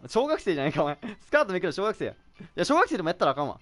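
A woman's voice: lowish voice, sing-song, very fast. A woman streamer with a Kansai accent, chatting casually on a live stream and reading viewers' comments aloud with teasing comebacks. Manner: reads chat comments aloud and fires back teasing retorts.

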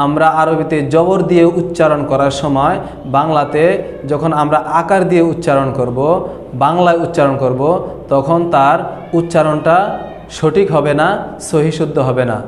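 Man, Quran reading teacher, fairly high voice, patient letter-by-letter explanation, reverberant room. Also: slight background noise. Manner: slow, repetitive explanation, drawn-out letter sounds. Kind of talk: online recitation lesson. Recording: echoey room with long reverb.

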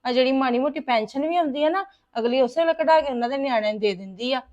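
A woman playing a fed-up married daughter, high voice. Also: darkish tone, highs cut off, close to an everyday voice. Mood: venting. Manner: aggrieved, rapid complaining. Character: married daughter venting about her in-laws. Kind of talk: domestic web drama acting.

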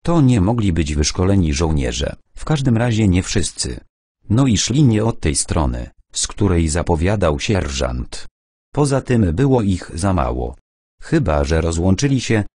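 A man reading a war novel aloud as an audiobook narrator, with dramatic, expressive delivery. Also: low-pitched, slightly rough, no room sound, studio quality.

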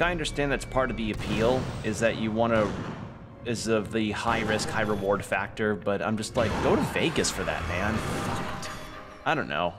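A young man chatting casually while streaming a video game, rambling and often correcting himself, with some swearing. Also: fairly low pitch. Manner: rambling, self-correcting, profane. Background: game music.

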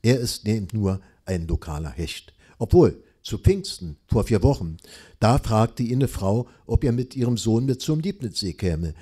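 A man's voice: fairly low pitch, big pitch swings, normal speed, dark tone, husky. A man reading his own short story aloud at a live literary event, giving the characters' dialogue in voice.

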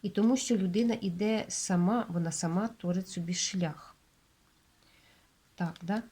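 Unhurried and casual, a Ukrainian-accented woman reads tarot cards one by one, pausing in frequent hesitations and checking with the viewer as she goes. Her mid-range voice is warm, with a breathy edge.

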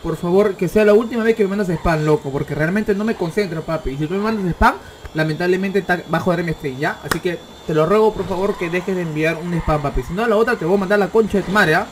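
A man with a Peruvian accent, streaming a role-play game as a police lieutenant, excitable and swearing often. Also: sits high, fast talker. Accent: Peruvian Spanish. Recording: noisy game stream audio.

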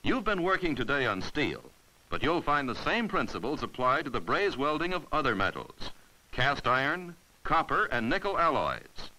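A 1950s educational film soundtrack, roughly recorded, features a male narrator of an old instructional film. His delivery is bright and forceful with lively pitch movement, and he explains every step patiently and plainly at a moderate pace, in classic classroom-reel style.

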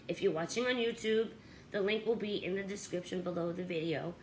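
A woman's voice: fairly quick, darkish tone, slight background noise, rough recording. Chatty woman reviewing a pet gadget. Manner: chatty, upbeat, with fillers; high baby-talk when calling her dogs. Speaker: pet channel host. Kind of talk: casual product review vlog. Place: home bedroom with dog beds, indoors.

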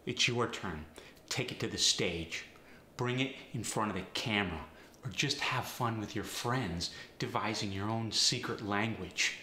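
A middle-aged man presenting a scripted lesson to camera in a deliberate, emphatic teaching manner. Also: fairly low pitch, bright, forceful tone. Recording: roomy echo, faint background noise.

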